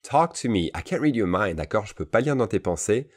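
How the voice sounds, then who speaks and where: Deep-voiced male teacher, bilingual lesson, casual and repetitive delivery, checks in often. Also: very animated, slightly rough. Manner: explains in French, models English phrases slowly and repeats them; casual asides with frequent "d'accord?" checks. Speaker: English teacher.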